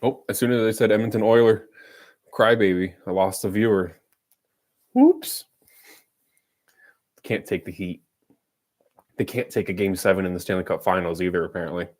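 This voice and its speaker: Low-pitched and steady, a little quick in delivery, a streamer hosts a live watch-along of a hockey game. He's chatty and teasing with viewers, switching back and forth between calling the action and bantering.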